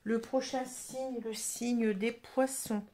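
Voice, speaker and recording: A woman giving a casual tarot reading, talking in halting phrases with many fillers and restarts. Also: on the high side, steady tone, dark tone. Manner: halting, full of "hein" and "vous voyez", restarts. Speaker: tarot reader.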